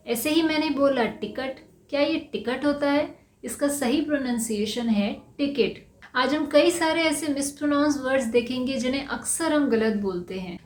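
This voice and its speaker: A woman teaching English pronunciation in Hindi, asking questions and answering them herself, saying each word slowly and more than once. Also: high-pitched, a little mellow, reverberant. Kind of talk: Hindi-language pronunciation lesson.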